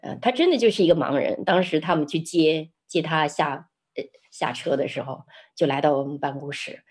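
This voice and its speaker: A middle-aged woman guest in an interview, sharing a personal testimony as an expressive, animated storyteller. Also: low-pitched, a little fast, slightly rough. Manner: expressive, lively storyteller who laughs often.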